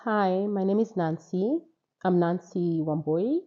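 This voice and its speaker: A woman with a Kenyan accent, in her forties, gives a personal faith testimony. Her voice sits low and she speaks in a measured, reflective way, often pausing and repeating words. The recording sounds a little dull. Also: dark tone.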